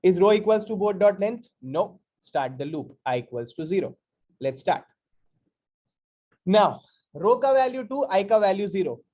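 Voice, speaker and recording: A man's voice: sits high, animated, normal speed, a little mellow. A man with a North Indian accent giving an interactive coding lecture, emphatic and repetitive, often quizzing his listeners with rhetorical questions. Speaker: programming teacher.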